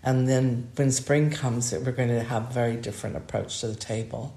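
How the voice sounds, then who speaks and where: An older woman, a podcast co-host, musing in a relaxed, rambling way with restarts. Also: a bass voice, moderate pace. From United States. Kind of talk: relaxed conversation. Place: home by a fireplace. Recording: roomy echo.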